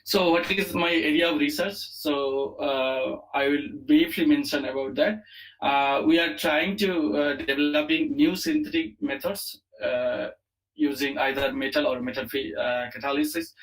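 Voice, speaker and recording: A man with an Indian accent giving an online academic lecture as a professor, speaking haltingly with many fillers and repeated words. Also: a little high, expressive, rough recording. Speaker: university lecturer, chemistry professor.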